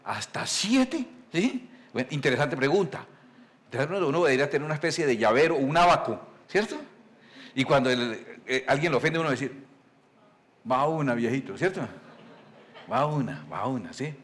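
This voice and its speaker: A male pastor, preaching in a conversational storytelling style, asking the congregation questions and reading scripture slowly. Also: mid-range voice, sing-song, fairly bright tone. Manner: reads scripture slowly and deliberately. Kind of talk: sermon.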